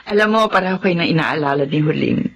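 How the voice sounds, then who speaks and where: A woman's voice: low voice, quick pace, a little hiss or hum. An actress in a Tagalog radio drama playing Remedios, a practical, earnest middle-aged woman who reasons matter-of-factly. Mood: firm, persuading.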